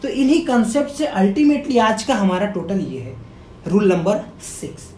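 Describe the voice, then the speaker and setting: A male teacher giving a grammar lesson, quizzing his viewers by repeating key words as questions and sounding words out slowly. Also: very animated, dark tone. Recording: echoey room with faint rumble.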